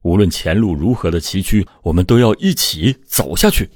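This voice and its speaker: A man's voice: low-pitched, animated, normal speed, a little mellow, dry recording, clean studio sound. A man voicing a hurt, desperate young husband in a dramatized true-crime retelling, pleading and lashing out. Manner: pleading, then heated outbursts.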